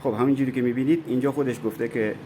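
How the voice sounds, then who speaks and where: A man calmly walking viewers through a computer installation, step by step, in a screen-recorded tutorial. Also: mid-range voice, background noise. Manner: calm step-by-step instructions. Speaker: tutorial presenter.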